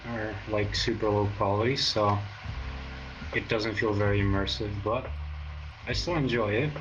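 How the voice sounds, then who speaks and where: A Portuguese man in his twenties, speaking with a Portuguese accent, is a guest in a casual interview, hesitant and full of fillers and restarts. His voice is fairly low with fairly even intonation at a moderate pace, and the noisy recording has its highs cut off.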